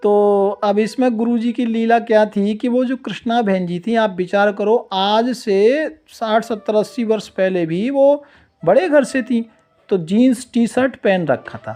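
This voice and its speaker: A male devotional storyteller narrating a tale to devotees in a slow, deliberate manner. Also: sits high, darkish tone, faint music behind.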